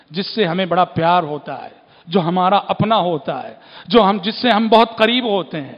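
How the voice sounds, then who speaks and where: A man's voice: high-pitched, dull audio. A man preaching a sermon in oratorical style, repeating his phrases for emphasis. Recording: long hall reverb.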